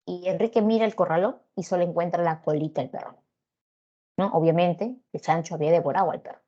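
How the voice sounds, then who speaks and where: In a dull, lo-fi classroom recording, a woman who teaches literature recounts a story with a Peruvian accent, keeping it conversational and often checking in through tag questions. She talks fast, her mellow voice on the low side and steady in tone.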